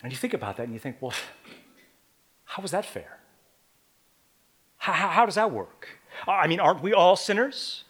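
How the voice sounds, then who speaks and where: A man preaching a sermon as pastor, swinging between quiet, intense passages and loud emphatic ones, often asking the congregation rhetorical questions. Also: high voice, big pitch swings, normal speed, long pauses, husky.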